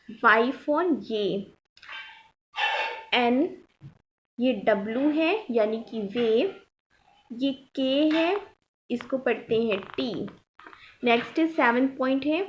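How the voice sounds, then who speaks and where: A woman's voice: on the high side, lo-fi sound. A woman teaching shorthand step by step, patiently repeating each point and checking that her students follow. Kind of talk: step-by-step tutorial explanation.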